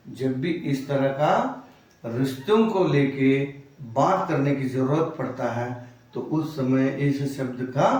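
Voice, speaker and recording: A man from Karnataka teaching a spoken lesson, repeating each word slowly and stressing its pronunciation. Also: mid-range voice, a little mellow. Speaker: language teacher. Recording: very echoey room, voice far from the mic.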